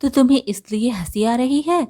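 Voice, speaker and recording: A woman's voice: high voice, normal speed, voice pushed up. A woman doing a fiery young village woman. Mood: curious. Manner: sharp, indignant questioning.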